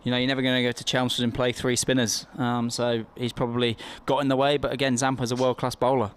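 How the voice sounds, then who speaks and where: A man's voice: mid-range voice, flat delivery, quick pace, clear, resonant tone. A man working as a cricket summariser and former player, conversational and opinionated, repeating phrases for emphasis. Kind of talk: live cricket commentary, analysis.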